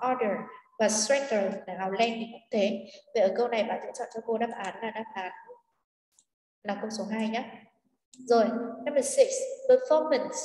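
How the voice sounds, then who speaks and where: A woman teacher, her voice a little high and mellow. She goes through test answers patiently and keeps asking whether the class follows. She sounds some way from the mic, in a room with a long, echoing tail. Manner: patient, checks understanding with quick questions. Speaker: English teacher. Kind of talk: explaining test answers to students. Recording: echoey room, far from the mic.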